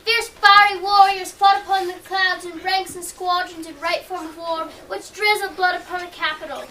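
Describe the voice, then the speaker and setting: A woman plays a fearful Roman wife pleading in verse. Her very high, bright voice comes from a distance. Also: little pitch movement, moderate pace. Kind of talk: amateur stage acting. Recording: distant mic, faint noise.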